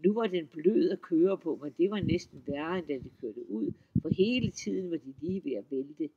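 A man reading a folk tale aloud in a lively, expressive storytelling manner. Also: a little high, breathy edge, dull audio.

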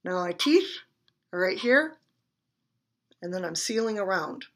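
A woman's voice: medium pitch, expressive, unhurried. A woman teaching beginner clarinet, explaining and demonstrating in a friendly, chatty way and laughing at her own slips. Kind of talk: instructional demonstration.

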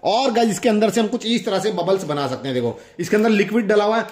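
A young man with a high, expressive voice talks fast while hosting a hands-on toy unboxing. As a toy review host, he chats casually and demonstratively, often turning to address his viewers.

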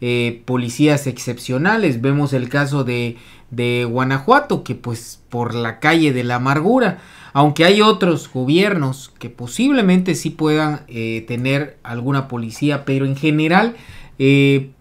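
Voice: mid-range voice, unhurried. A YouTube news commentator giving casual political commentary, rambling with many hesitations.

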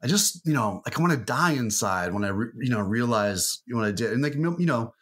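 His mid-range voice has lively intonation and a fairly bright tone, and he talks fairly quickly. He's a marketing guest in a casual podcast interview, rambling loosely with many fillers and restarts.

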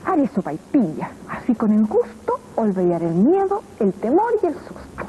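A woman's voice: fairly high pitch, huge pitch swings, normal speed, dark tone, slight background noise. A woman voicing a timid, jumpy little old woman in a storybook tale, shrieking in fright. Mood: sighing. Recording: lo-fi old TV tape audio.

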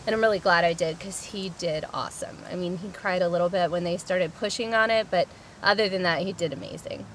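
A woman's voice: fairly low pitch, a little fast. A woman in her thirties chatting casually as a parent vlogger, with an encouraging, reassuring way of talking. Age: 30s. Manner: encouraging, reassuring with simple questions to child. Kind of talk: casual vlog chat and talk to a small child. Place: in and around a car, car park, clinic room. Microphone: camera at arm's length. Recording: noisy handheld recording with vehicle ambience.

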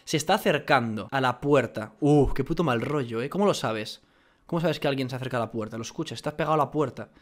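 A man's voice: mid-range voice, fast talker. A young man from Spain with a Spanish accent, commenting in a casual, jokey, profane way as a YouTube host.

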